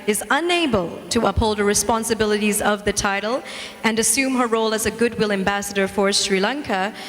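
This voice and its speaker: A woman's voice: medium pitch, brisk, fairly bright tone. A woman presenting a beauty pageant live on stage in a formal, polished manner. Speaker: pageant host. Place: large event hall stage. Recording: reverberant hall, event music.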